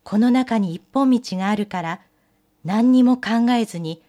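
A helpful starling messenger that politely answers and then patiently guides the children along, as a woman storyteller puts the bird on. The voice is fairly high and the delivery is unhurried, in a fairy-tale reading style. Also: dark tone, close to an everyday voice.

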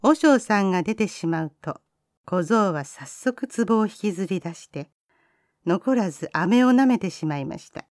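A woman reading a children's folk tale aloud, gentle and expressive. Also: medium pitch, unhurried, dry recording, clean studio sound. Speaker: storyteller.

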